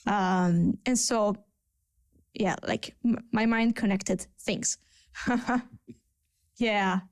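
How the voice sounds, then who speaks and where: A woman's voice: medium pitch, steady tone, very slow, clean tone, no echo. A woman with an Italian accent co-hosting a casual podcast chat over a video call, chatty and searching for her words. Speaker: podcast co-host.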